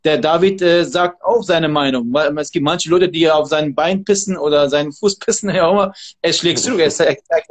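A man's voice: on the high side, moderate pace, hardly any pauses. A man, a martial arts trainer and guest, talking casually in an interview in an emphatic, motivational way.

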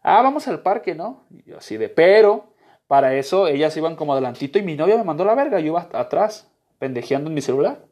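A man's voice: a little high, quick pace. A young man with a Mexican accent telling a casual anecdote, swearing freely and acting out what people said. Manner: profane, animated, acts out quotes. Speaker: storyteller.

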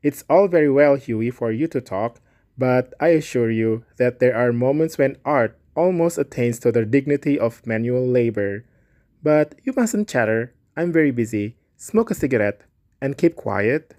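A man's voice: medium pitch, lively intonation, moderate pace, mellow, close to an everyday voice. A man reading aloud, voicing a boisterous, bossy male painter in a hearty, declamatory way. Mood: jovial.

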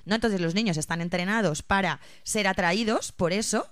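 A woman's voice: mid-range voice, normal speed, fairly bright tone, dry recording, clean studio sound. A woman co-hosting a casual podcast chat, thinking aloud with frequent restarts and hesitations. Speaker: podcast co-host.

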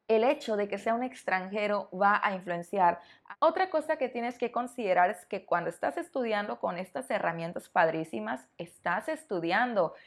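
A woman teaching Spanish in a podcast lesson, explaining in a conversational way, talking straight to the listener and asking rhetorical questions. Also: mid-range voice. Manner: friendly, direct address to the listener.

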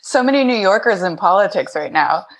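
A woman's voice: medium pitch, expressive, fairly quick, low-quality recording. A woman hosting a podcast interview, upbeat and encouraging, laughing often with her guest. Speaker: podcast host. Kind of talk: casual interview chat.

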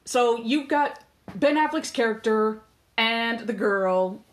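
Speaking at a fairly high pitch, this podcast co-host is animated yet takes her time. Her talk is a loose, casual chat, thick with fillers and false starts.

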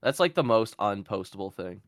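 Low-voiced joking podcast host man. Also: animated, background noise. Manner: joking, reads listings aloud with quick asides. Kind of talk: casual chat.

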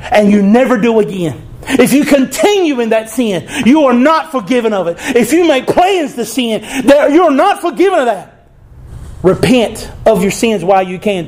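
A male preacher delivers a sermon, pleading with his listeners. His voice sits very high for a man. He slips into the voices of sinners to make his point. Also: a little mellow.

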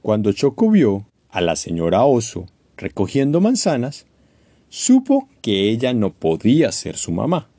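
A man reading a children's storybook aloud, expressive and animated. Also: mid-range voice, unhurried, no echo.

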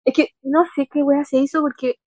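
Chilean woman co-host, relaxed and joking, a bit high-pitched, dry close recording. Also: fairly quick, dry recording. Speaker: podcast co-host. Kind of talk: casual chat. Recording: dull lo-fi, dry.

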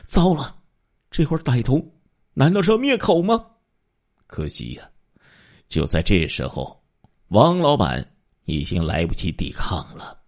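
Brief: male true-crime storyteller, husky, wildly lively pitch. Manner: swooping, dramatic storytelling with drawn-out particles. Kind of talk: dramatic true-crime narration.

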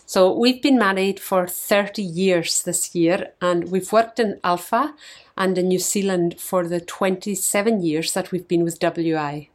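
Middle aged scottish-born woman, mission leader, reads a calm devotional bit. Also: fairly low pitch, measured pace. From Scotland. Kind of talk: scripted devotional message.

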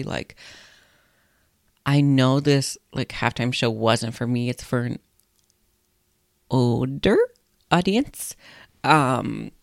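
A woman's voice: a bass voice, gravelly, dry recording, clean studio sound. A young woman hosting a solo podcast, talking in a chatty, blunt way and swearing freely. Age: young adult. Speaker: podcast host. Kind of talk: casual solo podcast chat.

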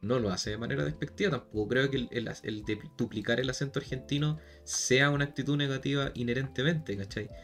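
A man's voice: medium pitch, brisk, few pauses, fairly bright tone, faint music behind. A man with a Chilean Spanish accent in a casual debate, who keeps stressing his point and repeating himself.

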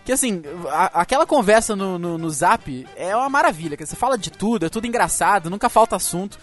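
A man's voice: sits high, quick pace, faint music behind. A man co-hosting a casual podcast chat, telling stories and asking the others questions. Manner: animated storyteller, asks the others questions. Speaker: podcast co-host.

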